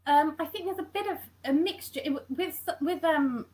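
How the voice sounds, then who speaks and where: A woman with a high, slightly mellow voice, who works as a scriptwriter, talks through her work in a conversational interview via video call. Her delivery is halting, full of self-corrections and restarted sentences.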